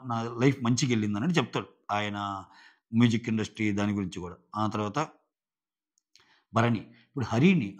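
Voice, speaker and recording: A man's voice: medium pitch, highs cut off. Man casually recapping a reality show. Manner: retells house conversations in paraphrased quotes, many filler sounds.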